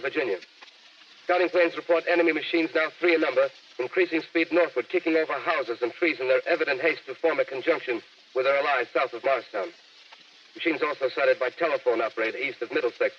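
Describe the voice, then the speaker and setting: An actor playing a grave male studio announcer reading urgent news bulletins in a 1930s radio drama, heard through an old AM radio broadcast. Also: medium pitch. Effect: old AM radio broadcast sound. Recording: distant, muffled 1938 radio broadcast with hiss.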